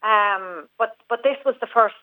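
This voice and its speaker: A woman's voice: fairly high pitch, unhurried. A woman guest speaking over the phone on a radio show, chatty and hesitant, with frequent restarts. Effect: heard over the phone. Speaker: phone-in guest, venue manager. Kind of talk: casual radio phone interview. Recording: tinny phone line.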